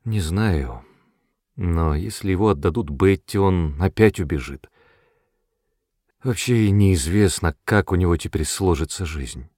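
A man's voice: low-pitched, measured pace, a little mellow, no echo, studio quality. A man reading an audiobook, voicing an anxious, tender-hearted young girl with a worried, pleading manner.

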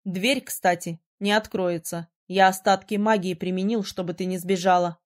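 A woman's voice: medium pitch, fairly even intonation, normal speed, natural voice. A woman voicing a young male mage prince who is arrogant and hot-tempered, speaking in a curt, commanding way in an audiobook. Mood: teasing. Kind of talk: audiobook character voice.

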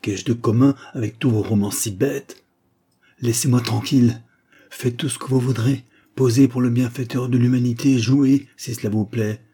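A man's voice: fairly low pitch, moderate pace, dark tone, slightly rough. A man voicing a bitter, grieving male doctor who lashes out indignantly, hammering each word. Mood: furious, contemptuous.

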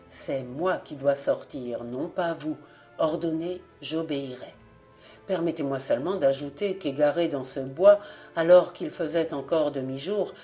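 A woman voicing a young nobleman who speaks gently and courteously, low and unhurried. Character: young nobleman, soft-spoken, courtly and smooth.

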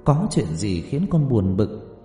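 A man voicing a gentle, worried middle-aged mother who speaks softly and coaxingly. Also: fairly low pitch, very animated, takes it slowly. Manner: soft, coaxing. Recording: echoey reverb, faint music behind.

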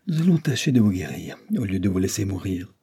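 A male reader voicing a grave, tender father who speaks in measured tones. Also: sits low, sing-song, mellow, breathy edge, exaggerated voice.

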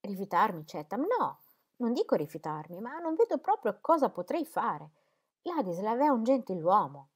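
A woman reading the lines of a placid, stubborn older gentleman who rambles mildly. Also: medium pitch, sing-song, moderate pace, slightly rough. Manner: rambling, mild, keeps asking "capite?". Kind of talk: audiobook character reading.

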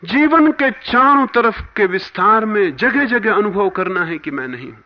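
Male spiritual teacher, high voice, emphatic sermon delivery, dull archival sound. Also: animated, moderate pace. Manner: emphatic, swinging between forceful rises and hushed drops. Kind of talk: spiritual discourse. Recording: dull lo-fi archival talk recording.

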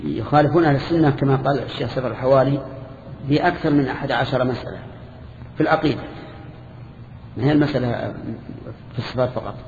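An older man teaching a lesson to students, explaining a classical text in a measured way with restarts and questions to the class. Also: mid-range voice, a little mellow. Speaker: teacher of Islamic creed. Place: lecture hall with students. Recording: echoey hall, dull lo-fi tape with faint hiss.

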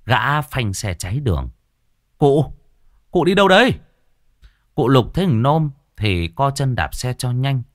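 A man narrating a ghost story in an expressive, dramatic way. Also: on the low side, dry recording, studio quality.

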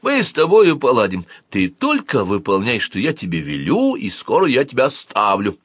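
A man's voice: medium pitch, wildly swooping pitch, moderate pace, a bit bright, slightly rough, no echo, heavily acted. A man voicing a smug, patronizing alien security officer who speaks from inside a boy's head. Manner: soothing, patronizing.

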